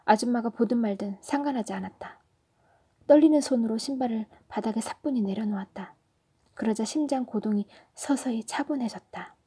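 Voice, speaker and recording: A woman storyteller reading a children's story aloud in a soft, often whispery narration. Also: fairly high pitch, slightly rough.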